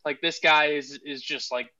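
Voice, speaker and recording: A man's voice: on the high side, steady tone, normal speed, bright, forceful tone. A man hosting a casual podcast interview, restarting words often and hyping up his guest. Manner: stammering restarts, hype, swears casually. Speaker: podcast host. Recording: dull lo-fi podcast audio.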